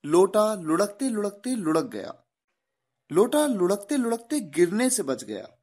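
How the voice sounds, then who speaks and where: A man with an Indian English accent teaching English in an online video lecture. He addresses viewers directly and says English sentences slowly and deliberately. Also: high voice, sing-song, a little mellow, slightly rough.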